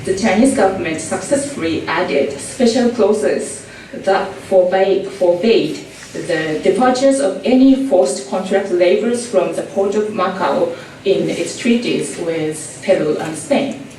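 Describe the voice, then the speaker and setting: A woman from Japan gives an academic conference talk in English, speaking with a Japanese accent and frequent ums and uhs. Her mid-range voice is unhurried and dark-toned, with a little hiss or hum. She presents in a conference room, captured by a distant mic in an echoey hall.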